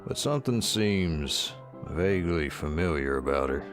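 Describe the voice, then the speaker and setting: A man giving steady, measured second-person scripted narration for a western game. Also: a bass voice, music in the background. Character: calm male storybook narrator of a western, adult.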